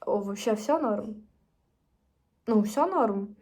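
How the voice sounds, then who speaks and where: A woman's voice: mid-range voice, animated, slow, darkish tone. A teenage girl from Ukraine vlogging casually to camera, chatting in a rambling way with fillers and restarts. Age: teens.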